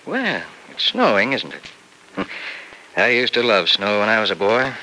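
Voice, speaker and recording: Blunt older doctor, brisk and bright-toned, 1940s radio play. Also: male voice, fairly low pitch, big pitch swings, exaggerated voice, low-quality recording. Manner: blunt, matter-of-fact, chuckling.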